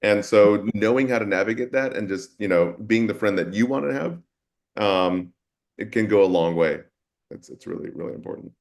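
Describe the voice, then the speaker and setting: A man with a fairly low voice talks through a casual webinar as a nurse educator. He sounds easygoing, with plenty of fillers and loose restarts as he chats. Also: moderate pace. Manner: relaxed, with many fillers.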